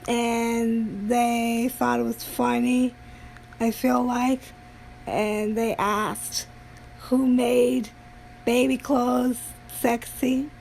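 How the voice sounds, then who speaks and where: A woman streamer chatting casually on a livestream in a halting way, often pausing mid-sentence. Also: on the high side, flat delivery, gravelly, a little mellow, a little hiss or hum, poor audio. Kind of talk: casual rambling livestream talk.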